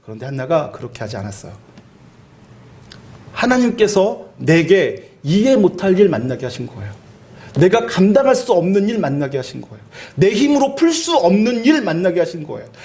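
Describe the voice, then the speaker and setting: A man's voice: sits high, normal speed. A male pastor preaching a sermon, telling the story vividly and asking the listeners questions. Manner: animated storytelling, dramatizing quoted speech; asks the listeners rhetorical questions.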